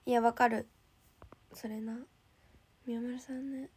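Young woman idol, higher voice, casual and bubbly livestream chatter with frequent soft whispered asides. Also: level tone, slow pace, breathy edge. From Japan. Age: young adult. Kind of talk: casual livestream chat, reading viewer comments.

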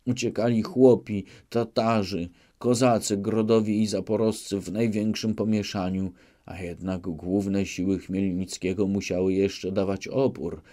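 A man narrating an audiobook with measured, dramatic storytelling. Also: on the low side, little pitch movement, warm tone.

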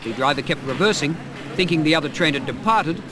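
A man reporting a news story in a measured, formal, scripted delivery. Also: a little high, crowd noise.

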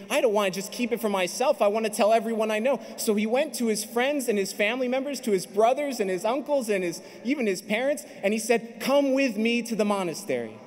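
A man's voice: very high-pitched, a little mellow. A man in his thirties, a priest delivering a fervent sermon at a pulpit mic in a large arena. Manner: fervent, building to emphatic peaks. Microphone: stand mic at pulpit. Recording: long arena reverb.

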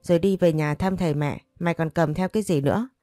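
A woman's voice: deep voice, fast, mellow, dry recording, studio quality, lightly acted. A woman voicing a harsh, spiteful older first wife who scolds and sneers. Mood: scolding.

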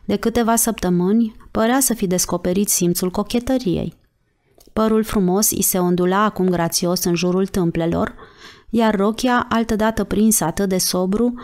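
A woman narrating an audiobook chapter in a slow, measured reading voice. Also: medium pitch, darkish tone. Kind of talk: scripted narration.

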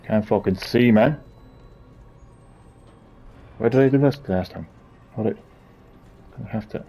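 A man's voice: fairly low pitch, measured pace, slightly rough, dull audio, soft background music. Frustrated man muttering over gameplay. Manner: frustrated, swearing, muttering to himself. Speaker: gamer. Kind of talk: gameplay commentary.

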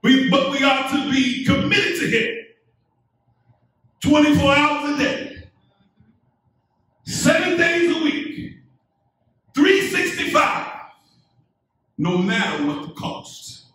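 Heard from the back of a medium-sized indoor church sanctuary through a distant mic, the sound is heavily echoey. A middle-aged pastor, his expressive, fairly bright voice pitched unusually high for a man, delivers a sermon in unhurried, deliberate phrases that climb to emphatic peaks inviting call-and-response.

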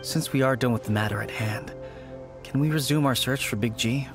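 Game casting: actor as composed male undertaker, mid-pitched, formal and serious, clear music behind. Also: brisk, natural voice. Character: sober, loyal male undertaker. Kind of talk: animated game character acting.

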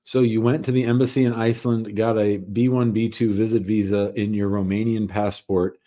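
Calm middle-aged man hosting a call-in. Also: lowish voice, moderate pace. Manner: calm, methodical, recaps facts step by step. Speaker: immigration lawyer and show host. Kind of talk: call-in advice show. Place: home office. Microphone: webcam on a video call.

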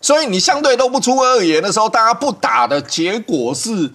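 A man's voice: high-pitched, very animated, fairly quick, fairly bright tone. A man with a Taiwanese Mandarin accent giving political commentary on a studio panel, reasoning aloud in an argumentative way and repeating phrases.

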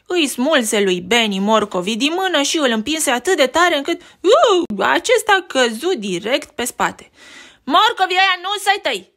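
A woman reading a picture book aloud to a child, lively and pointing out the pictures as she goes. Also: high voice, hardly any pauses. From Romania.

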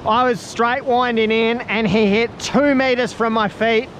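Filming a laid-back fishing vlog on a surf beach at sunset, this young Australian channel host has a very high voice. His head-mounted action camera picks up loud surf and wind outdoors, and he's excitable, laughing and exclaiming over every catch.

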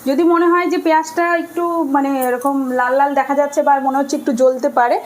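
A woman's voice: high-pitched, fast talker, a little mellow, a little hiss or hum, rough recording. A woman chatting to viewers as she cooks in her home kitchen. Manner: chatty, talks to viewers while cooking. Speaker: cooking vlogger. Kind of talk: casual cooking narration. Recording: kitchen clatter behind voice.

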